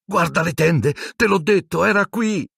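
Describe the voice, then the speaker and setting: A man voicing a frightened teenage boy wizard who insists, shouting, on what he saw. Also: high-pitched, normal speed, vocal fry, husky, dry recording, clean studio sound, pitched above the performer's own voice, full character voice. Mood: frightened, insistent.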